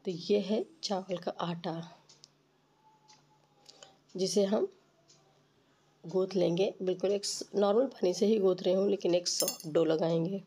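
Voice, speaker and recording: A woman narrates a recipe tutorial step by step, informally, her voice stuffy and rough with a cold. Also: medium pitch, fairly even intonation, unhurried, long pauses, warm tone, a little hiss or hum. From Uttar Pradesh, India. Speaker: cooking channel host.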